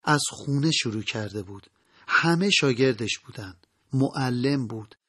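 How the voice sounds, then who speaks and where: Solemn, husky male memoir narrator. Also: medium pitch, animated. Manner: measured, solemn, often soft. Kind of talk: scripted first-person memoir narration.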